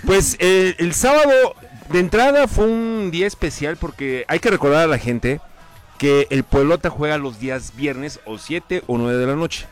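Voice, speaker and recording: A man with a fairly high-pitched voice chats casually about football as a sports commentator on a radio show. He talks at a moderate pace and rambles with many fillers.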